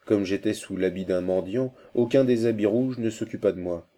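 A man doing a fierce messenger in an audiobook, low and mellow-voiced, urgent and full of scorn. His contempt flares sharply, with a savage edge. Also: normal speed, close to an everyday voice. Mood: scornful report. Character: fierce, vengeful male Indian messenger.

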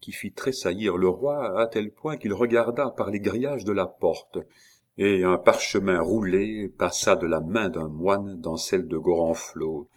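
A man reading a historical novel aloud in a measured, steady way. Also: sits low. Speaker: audiobook narrator.

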